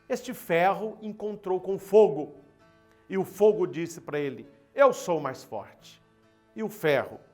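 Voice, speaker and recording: Brazilian Portuguese male priest, emphatic sermon storyteller, unhurried, light instrumental music behind. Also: high voice, a little mellow. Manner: slow, dramatic, emphatic storytelling. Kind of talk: Easter sermon with a spoken parable.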